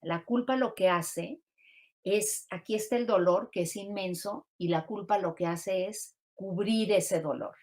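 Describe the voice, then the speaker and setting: A woman grief counselor giving a calm, reflective teaching talk on grief, often asking rhetorical questions. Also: mid-range voice, unhurried.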